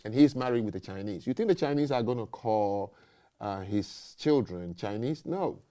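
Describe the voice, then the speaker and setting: A man's voice: on the low side, animated, moderate pace, dark tone. A man hosting a talk show, making emphatic points and checking in with "okay?" and "you know". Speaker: host. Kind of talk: casual debate talk.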